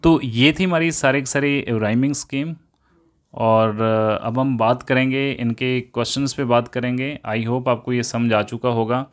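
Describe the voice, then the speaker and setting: A man teaching an English poetry lesson, explaining step by step, often repeating himself and reading quoted lines slowly. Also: medium pitch, steady tone.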